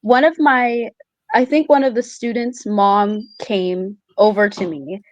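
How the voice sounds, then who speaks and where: Casting note: young woman student, mid pitch, halting and filler-heavy, dry close recording. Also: steady tone, no room sound. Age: young adult. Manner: hesitant, many "like" and "um" fillers. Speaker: guest student. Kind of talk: casual interview chat.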